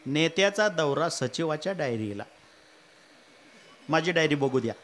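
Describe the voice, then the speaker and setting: A man's voice: a little high, animated, measured pace, a bit bright. A man voicing Hanuman as a devoted but cheeky monkey god who pushes his master along. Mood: matter-of-fact. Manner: pushy, teasing, matter-of-fact.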